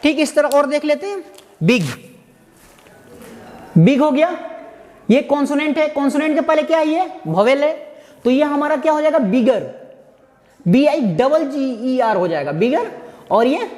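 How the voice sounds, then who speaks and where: A man teaching grammar, who asks his students rhetorical questions and answers them himself, and repeats and spells out words slowly. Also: very high-pitched, lively intonation, a little mellow. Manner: slow, repetitive explaining with spelled-out words. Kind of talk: explaining lesson to students. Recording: echoey room with faint background noise.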